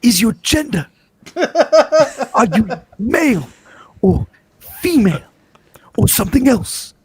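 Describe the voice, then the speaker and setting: A man in his twenties putting on a squeaky, giggly goofy character voice in a casual podcast. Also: very animated, takes it slowly, husky, exaggerated voice.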